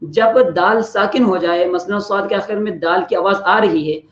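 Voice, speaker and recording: Quran pronunciation teacher, mid pitch, patient and explanatory, holds demo letters long; dull lo-fi recording. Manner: patient explaining, drawing out each letter slowly to demonstrate. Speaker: tajweed teacher. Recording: roomy, slightly dull lo-fi recording.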